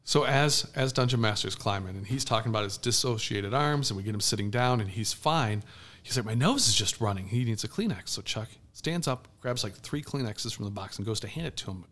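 A man's voice: fairly low pitch, fairly quick. A man co-hosting a podcast, telling a wild story in crude casual chat, laughing often and acting out what others said. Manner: animated, laughing often, crude, acts out others' lines loudly. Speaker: podcast co-host.

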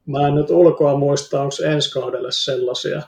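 A man's voice: a little high, fairly even intonation, gravelly, a little mellow. A man speaking as a podcast guest, with brief, matter-of-fact answers. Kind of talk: casual chat. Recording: roomy echo.

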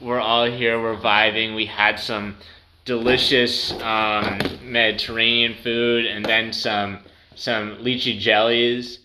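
A man's voice: fairly low pitch, level tone, takes it slowly. A young man hosting a casual podcast chat. He laughs often and talks in a playful, rambling way. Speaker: podcast host. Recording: echoey room with background noise.

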